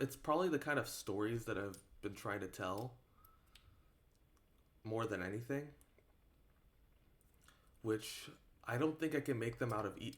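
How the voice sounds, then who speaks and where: An online creator with a medium-pitched, slightly bright voice gives his viewers a casual, unscripted opinion talk. He halts and rambles, frequently repeating himself for emphasis.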